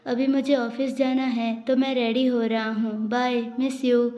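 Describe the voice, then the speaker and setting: A woman's voice: a little high, level tone, measured pace, dark tone, dull audio, natural voice. A woman voicing a young husband who is teasing, possessive and coaxing in his pleas, read in a storytelling manner. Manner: coaxing, pleading apologies.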